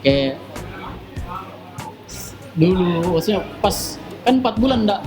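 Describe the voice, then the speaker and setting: A man with a Makassar accent, the owner of a coffee shop, chatting in an interview and telling stories in a lively way with local fillers. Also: high voice, takes it slowly. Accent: Makassar Indonesian. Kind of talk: casual interview. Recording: music playing in the background.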